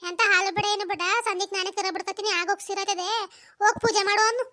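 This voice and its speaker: A woman voicing a sharp-tongued village mother-in-law who curses and wails loudly in a cartoon. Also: very high-pitched, steady tone, fast. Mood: bossy angry. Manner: loud cursing rants, wailing complaints. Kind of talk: cartoon voice acting.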